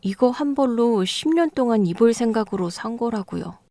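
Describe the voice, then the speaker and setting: A woman's voice: fairly high pitch, animated, moderate pace, mellow, no room sound, clean studio sound. Woman voicing a hurt eldest daughter-in-law. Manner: earnest, justifying. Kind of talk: audio drama reading.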